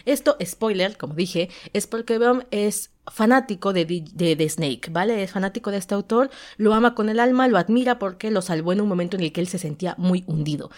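A Mexican woman hosting a podcast, casually retelling a story in a chatty way and often pausing to search for the right word. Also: mid-range voice. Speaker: podcast host and novelist.

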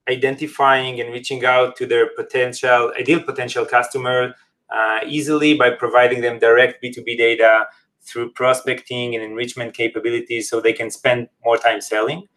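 Guy, medium pitch, explaining stuff on a podcast in slightly english. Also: a bit bright. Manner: non-native English phrasing. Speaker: company representative, podcast guest. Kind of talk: casual interview, explaining a product.

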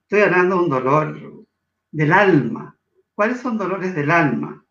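A man from Chile, a guest in an interview, speaking in an earnest, measured way that slows for emphasis. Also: fairly high pitch, expressive, a bit bright, reverberant, muffled recording. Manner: earnest, measured, shifts between slow emphasis and quick asides. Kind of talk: reflective interview talk.

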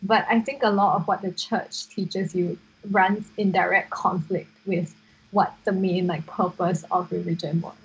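A woman's voice: on the low side, flat delivery, a little slow, breathy edge, poor audio. A young woman studying psychotherapy, co-hosting a podcast and talking earnestly with many fillers. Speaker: podcast co-host, psychotherapy student. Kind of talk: casual chat.

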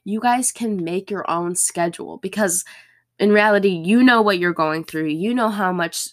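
A woman's voice: mid-range voice, moderate pace. A young woman hosting a casual solo podcast, speaking candidly, her voice a little thick and throaty, as if getting over swollen tonsils or a sore throat. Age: young adult. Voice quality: slightly altered voice after a bad sore throat, thick and throaty. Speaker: podcast host.

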